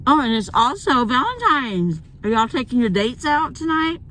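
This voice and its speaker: A woman's voice: sits high, very animated, moderate pace, bright, forceful tone. A woman food vlogger talking casually to her viewers while eating, chewing as she speaks and savoring with mm sounds. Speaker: food vlogger hosting a mukbang. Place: inside a parked car in a parking lot at night. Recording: noisy car interior ambience.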